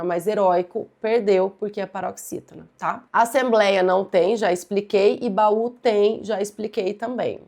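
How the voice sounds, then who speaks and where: Brazilian lady teacher going over exam questions, bit of vocal fry, leans hard on key words. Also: medium pitch, a little mellow. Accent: Brazilian Portuguese. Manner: didactic, stresses words and repeats key terms. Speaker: Portuguese grammar teacher. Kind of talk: exam-prep lesson.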